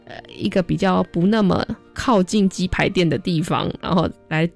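A woman's voice: fairly low pitch, moderate pace, creaky, faint music behind. A young adult woman, a social worker, telling stories in a radio interview and acting out the voices of people she quotes. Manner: lively storyteller, acts out quoted voices.

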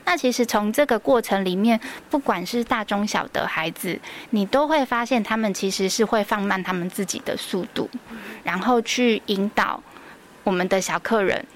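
A woman's voice: mid-range voice, moderate pace, slight background noise. A woman with a Taiwanese Mandarin accent, a preschool teacher guest on a radio interview, telling stories earnestly with many fillers.

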